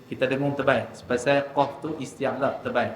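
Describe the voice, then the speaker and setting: A man's voice: medium pitch, level tone, a little hiss or hum. Man teaching recitation in an echoey mosque. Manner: demonstrates letter sounds slowly, then explains briskly. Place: mosque hall. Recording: echoey mosque hall with faint ambience.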